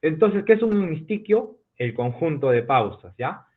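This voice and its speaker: A male literature teacher giving an online class, explaining step by step and checking understanding with quick questions. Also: fairly high pitch, big pitch swings. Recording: tinny phone-like audio from an online call.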